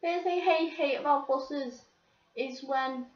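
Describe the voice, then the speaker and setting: High-voiced teenage girl ranting. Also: unhurried, far from the mic. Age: teens. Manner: swearing, exasperated complaining. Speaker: vlogger. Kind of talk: ranting to camera. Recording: roomy, off-mic, dull lo-fi sound.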